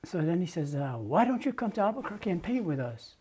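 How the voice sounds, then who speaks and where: A man's voice: sits high, very animated, fast talker, warm tone, husky. An older man from Jamaica, a muralist, recalling his past at length in an oral history interview, with many restarts and fillers.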